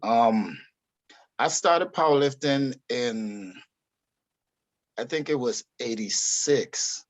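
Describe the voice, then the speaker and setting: A man's voice: mid-range voice, animated, slow pace, no room sound. A middle-aged man with a Guyanese accent, a fitness coach telling stories in an easygoing, candid way as an interview guest. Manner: easygoing, candid, swears casually. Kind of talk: casual interview storytelling.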